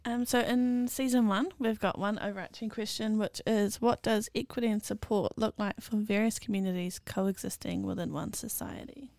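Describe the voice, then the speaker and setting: A woman co-hosting a podcast, speaking briefly and relaxed. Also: mid-range voice, moderate pace, creaky, hardly any pauses, no room sound. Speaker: podcast co-host.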